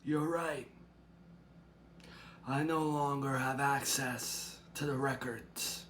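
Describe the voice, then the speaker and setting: A man voicing a stern older grandmother who speaks in a measured, grave and threatening way, in an amateur drama. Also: medium pitch, a bit bright, a little hiss or hum. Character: stern protective grandmother, older woman, menacing resolve.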